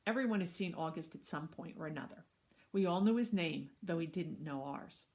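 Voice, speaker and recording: A woman's voice: fairly low pitch, fairly quick. Woman reading a chapter book aloud. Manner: expressive storytelling narration. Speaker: teacher.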